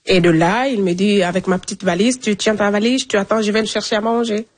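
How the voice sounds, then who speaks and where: Woman, interviewee, personal testimony, plain storytelling, spoken fillers, repeated phrases, mid-pitched voice. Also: fairly even intonation, quick pace. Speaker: interviewee recounting her migration.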